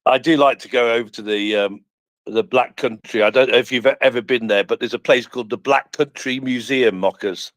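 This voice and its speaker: A Midlands Englishman chats and jokes casually as a panelist in a live audio space, packing his talk with fillers. His mid-range voice is steady and brisk, with no room sound.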